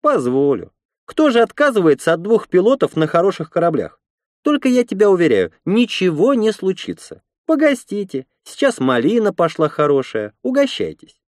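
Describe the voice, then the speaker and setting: A woman's voice: fairly low pitch, very animated, normal speed, a little mellow, no room sound, studio quality, voice pushed up. A man voicing a proud, hospitable woman who leads a settlement, speaking earnestly and reassuringly.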